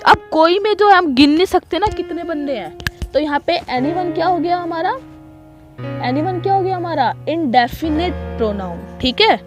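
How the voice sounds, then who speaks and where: A woman teaching an online English grammar lesson in Hindi. She reads each example sentence slowly, explains it, and keeps checking in with the class. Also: extremely high pitch, animated, over music.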